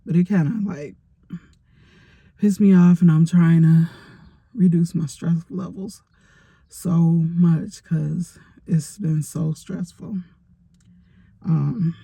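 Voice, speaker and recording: A middle-aged woman talks through a rambling storytime from her parked car, her voice mellow and gravelly with a husky edge. The sound is close and dry, picked up by a phone. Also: sits low, no room sound. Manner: rambling, chatty storytelling with many fillers. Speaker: vlogger. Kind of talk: casual storytime vlog.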